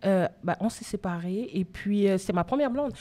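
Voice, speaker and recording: At a live podcast taping in a venue, a thirties-aged rapper from Quebec, Canada, with a Québécois accent, gives a candid interview full of open, thoughtful storytelling. Her medium-pitched voice is mellow and expressive at a normal speed, picked up by a phone recording.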